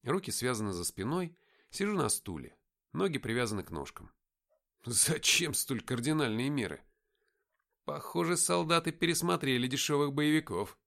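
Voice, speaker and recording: A man narrating a first-person audiobook in a measured, dramatic storytelling manner. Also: medium pitch, sing-song, vocal fry, a bit bright.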